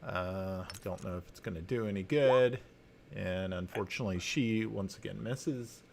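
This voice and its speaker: A man running a tabletop game as dungeon master, narrating slowly with many fillers and restarts. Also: lowish voice, gravelly, slight background noise.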